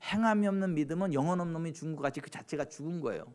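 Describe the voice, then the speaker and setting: Korean pastor guy, high voice, goes from chatty and soft to loud fired-up preaching in church. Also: racing. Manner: swings from soft asides to loud fervent preaching; chatty, teasing with congregants. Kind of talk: sermon. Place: church sanctuary.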